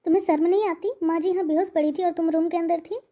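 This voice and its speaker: A woman's voice: very high-pitched, fairly even intonation, fast talker, muffled recording. A woman voicing a caring elder daughter-in-law in a cartoon story, urgent and reproachful. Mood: indignant.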